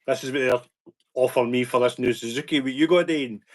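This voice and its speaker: A man with a Glaswegian Scottish accent chats casually on his live stream, stopping and restarting his sentences. His voice sits at a middling pitch for a man, and he keeps an easy, rambling flow. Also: quick pace. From Scotland. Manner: chatty, loose, stop-start with repeats. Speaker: channel host.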